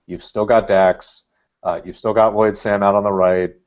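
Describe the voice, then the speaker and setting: A Red Bulls fan appears as a podcast guest, rambling in casual chat and thinking aloud with plenty of fillers. His voice is on the low side, at normal speed with little pitch movement, and the recording sounds dull and lo-fi.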